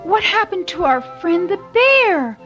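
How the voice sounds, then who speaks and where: A sweet young girl in a fairy tale, voiced by a woman reading aloud speaks slowly in a very high, lilting voice. The recording sounds a little dull, and soft music plays underneath. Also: sing-song, full character voice. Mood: wondering.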